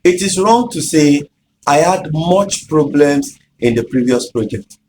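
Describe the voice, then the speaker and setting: A man teaching English grammar in a measured, explanatory way, speaking directly to viewers. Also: fairly high pitch, animated, darkish tone, slight background noise, rough recording. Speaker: English tutor. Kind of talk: scripted grammar lesson.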